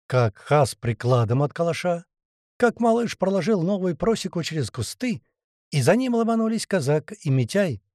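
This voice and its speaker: A male narrator telling a first-person adventure with animated, swooping intonation. His voice is dark and mellow, recorded dry and close with no room sound. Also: fairly high pitch, dry recording. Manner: lively, vivid storytelling. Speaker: audiobook narrator.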